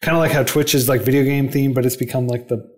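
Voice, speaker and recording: A man speaking as a podcast guest in a casual interview. His voice sits at a middle pitch, and he explains in an earnest way. He speeds up in quick bursts and uses plenty of fillers. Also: steady tone, a little mellow. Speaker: podcast guest, non-profit founder.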